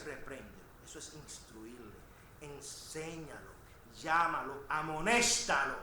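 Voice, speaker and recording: A male pastor preaching a sermon in a church, swinging between quiet asides and shouted emphasis. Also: on the high side, slight background noise. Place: church sanctuary. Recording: echoey church room.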